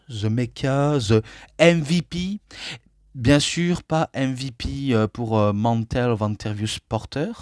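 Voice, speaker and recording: A man's voice: mid-range voice, dry recording, clean studio sound. A French-speaking man hosting a casual spoken review of a wrestling show, rambling with frequent hesitations, fillers and restarts.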